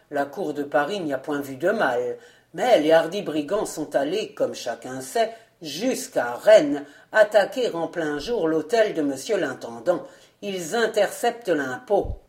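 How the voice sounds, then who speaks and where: A woman's voice: low voice, a little mellow, pitched below the performer's own voice. A woman doing a hesitant old male steward. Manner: cautious, hesitant. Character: embarrassed older male château steward.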